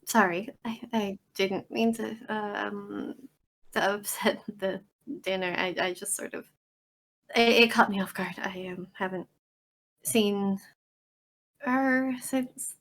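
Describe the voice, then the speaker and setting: A woman voicing a shy, soft-spoken young man in a tabletop role-play, talking hesitantly with stammers and apologies. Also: on the high side, fairly even intonation, measured pace, creaky, pauses often. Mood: apologetic.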